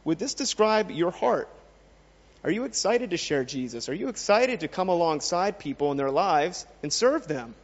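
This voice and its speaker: Man, preacher, high voice, earnest sermon, long hall reverb, muffled sound. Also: sing-song, moderate pace. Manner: earnest, asks the listeners many questions.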